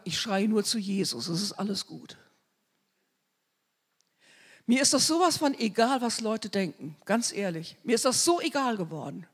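A woman preaching a fervent sermon, swinging between loud declarations and hushed asides. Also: medium pitch, husky. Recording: long hall reverb.

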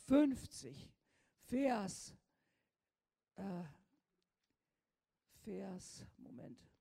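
A middle-aged woman preaching a sermon, moving between quiet confiding talk and loud commanding prayer. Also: medium pitch, gravelly, breathy edge. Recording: long hall reverb.

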